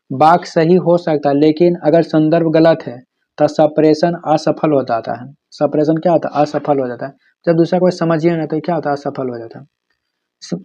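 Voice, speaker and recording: A man lectures for an exam, saying each key term again and again, then asking the class a question and answering it himself. His voice sits fairly high but sounds mellow and soft-edged. The recording is dull and lo-fi. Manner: repeats key terms for drilling, asks and answers his own questions. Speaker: teacher.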